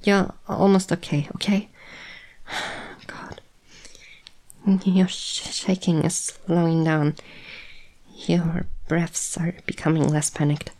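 A woman's voice: sits low, level tone, slow, pauses often, a little mellow. A woman playing a proud but anxious snake-bodied monster woman in an audio role-play, speaking hesitantly and stammering to the listener. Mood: remorseful, tender.

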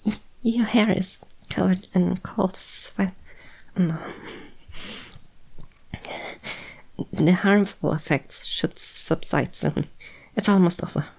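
Woman acting a halting, slow-spoken wary lamia. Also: lowish voice, creaky, darkish tone, exaggerated voice, rough recording. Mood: remorseful, tender. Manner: hesitant, stammering, halting. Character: wary snake-bodied lamia monster woman, proud but anxious. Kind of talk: dramatic audio role-play addressed to the listener.

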